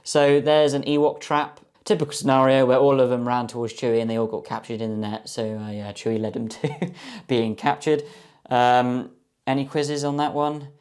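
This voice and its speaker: A man's voice: mid-range voice, flat delivery, moderate pace, darkish tone. Chatty young man opening trading cards. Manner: chatty, enthusiastic, many ums and guesses. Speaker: card box opener. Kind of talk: casual box-opening commentary.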